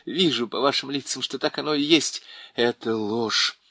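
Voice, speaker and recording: A man's voice: medium pitch, moderate pace, bright, forceful tone, dry recording. A man voicing a desperate, bewitched young knight who pleads urgently and at times rages. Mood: pleading.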